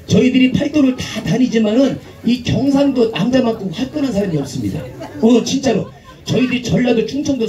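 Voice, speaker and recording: A man doing bawdy stage comedy, teasing and coaxing his audience to chant along at an outdoor show. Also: extremely high pitch. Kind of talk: bawdy stage banter with the crowd. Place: outdoor stage before a live crowd. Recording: distant outdoor mic with loud crowd.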